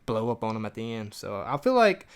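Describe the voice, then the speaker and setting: A man's voice: on the low side, sing-song, brisk, smooth. A man with a New Jersey accent, co-hosting a fan show in casual, enthusiastic chat full of fillers. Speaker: podcast co-host.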